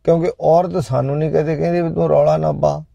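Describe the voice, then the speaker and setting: Gravelly, mellow-voiced male show host. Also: on the high side, level tone, a little fast, no echo, lo-fi sound. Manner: loud, preachy, jokey, talks directly to listeners. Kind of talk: casual live show chat with listeners.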